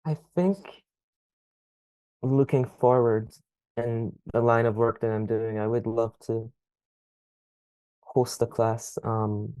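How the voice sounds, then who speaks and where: A young man answering interview questions thoughtfully, pausing often with ums. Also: medium pitch, fairly even intonation, dark tone, no echo. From Scotland. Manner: thoughtful, hesitant, frequent ums. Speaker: podcast guest.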